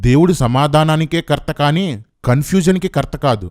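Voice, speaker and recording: Man, combative rebuttal, mocking tone, rhetorical questions, slightly high pitch. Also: a little fast, darkish tone. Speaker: commentator rebutting preachers.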